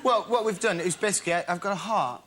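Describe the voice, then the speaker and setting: A man's voice: sits high, fast talker, a bit bright. A young man from Bristol with an English accent, chatting jokily on stage as a dating show contestant. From Bristol, England. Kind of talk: jokey on-stage chat. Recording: noisy television studio.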